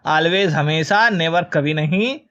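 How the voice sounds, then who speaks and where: A male teacher with a fairly high voice leads exam students through a vocabulary lesson at a measured pace, his tone sharp and the recording lo-fi. He spells every word letter by letter, then gives its meaning and its opposite, addressing the students as children.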